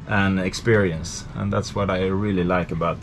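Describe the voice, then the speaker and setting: A man in his thirties from Sweden, casually explaining boat work in a relaxed vlog, with frequent fillers, recorded by a camera close above him in a cramped boat compartment. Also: sits low, normal speed, slight background noise. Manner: relaxed, thinking aloud with many fillers. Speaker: sailing vlogger.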